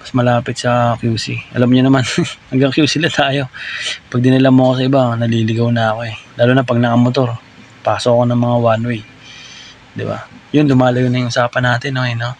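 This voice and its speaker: A young man with a Filipino accent talks over his travel footage in a loose, rambling way, often tagging a quick "no?" onto the end of a line. His voice has a gravelly edge, and faint noise hums under the recording. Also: mid-range voice. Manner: chatty, rambling, tags lines with "no?"; admits he is still learning voice-over, unsure of his volume. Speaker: vlogger. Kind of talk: casual voice-over narration of a food trip vlog.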